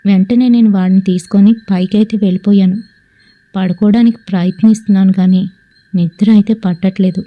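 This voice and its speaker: A woman's voice: medium pitch, fairly even intonation, brisk, lo-fi sound. A woman narrating a first-person ghost story and acting out family members' lines.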